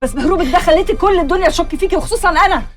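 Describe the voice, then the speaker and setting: A woman's voice: very high voice, rapid-fire. Woman playing a protective Egyptian doctor. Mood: protective reproach. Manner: reproachful, soothing to the girl.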